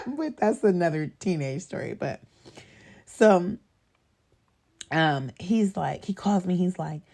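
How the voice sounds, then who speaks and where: A woman hosting a podcast, telling a personal story in a casual, candid way, animated and often laughing. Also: on the low side, slow, long pauses. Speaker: podcast host.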